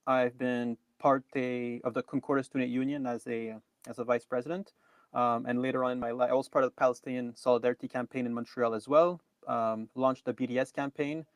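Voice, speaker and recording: Man, co-host, live online news chat, hesitant with fillers, mid pitch, dry close sound. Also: level tone, fairly quick, no echo. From Canada. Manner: hesitant, many ums and restarts.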